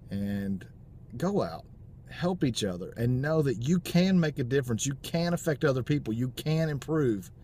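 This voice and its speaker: A man's voice: mid-range voice, a little mellow, a little hiss or hum. A man in his forties giving a motivational talk to a camera inside a car, upbeat and full of fillers. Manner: upbeat, pep-talk delivery with frequent fillers. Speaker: vlogger. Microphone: camera mounted on the dashboard.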